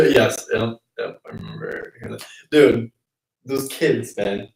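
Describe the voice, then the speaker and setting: A man's voice: mid-range voice, takes it slowly, creaky, darkish tone. A young man co-hosting a casual podcast, rambling with lots of fillers. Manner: laid-back, rambling, heavy on fillers. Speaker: podcast co-host. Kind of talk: casual chat. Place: basement. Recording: roomy basement, mic at a distance.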